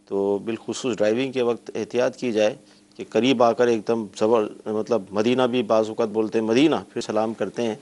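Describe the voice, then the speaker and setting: A man's voice: fairly low pitch, a little mellow. A man hosting a religious TV call-in show, who repeats callers' questions, keeps affirming the mufti with short replies and speaks directly to the viewers. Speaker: show host.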